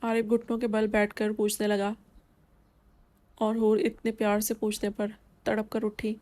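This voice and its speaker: A woman narrating a romance novel as an audiobook in a steady storytelling read. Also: medium pitch.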